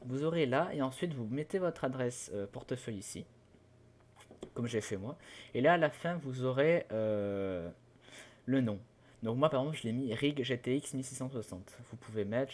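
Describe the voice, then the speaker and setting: A man's voice: medium pitch, a little mellow. A young man giving a casual screen-recorded tutorial at his computer, hesitant and stumbling over his words, with many fillers. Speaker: tutorial host.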